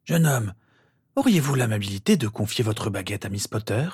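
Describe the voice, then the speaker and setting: Old male headmaster, read by a man, courteous and measured, calming. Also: fairly low pitch, breathy edge. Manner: measured, polite, soothing.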